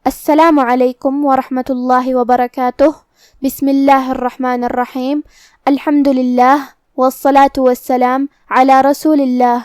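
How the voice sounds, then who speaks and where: A woman with a high, smooth, resonant voice gives a methodical recitation lesson. She explains each pronunciation rule in a measured way, then recites the verse slowly, drawing out the long vowels. The sound is close and dry. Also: a little mellow, no room sound. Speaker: Quran recitation teacher. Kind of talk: tajweed lesson with slow recitation.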